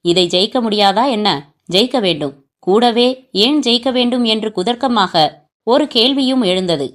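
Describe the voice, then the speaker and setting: A woman reads a novel aloud in the first person. Her storytelling is steady and measured, and her voice sits fairly high. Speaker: story narrator.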